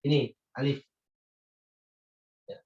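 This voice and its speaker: A man teaching Arabic grammar in a patient, repetitive classroom style, often checking in with a quick "ya". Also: a little mellow. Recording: muffled lo-fi sound from a distance.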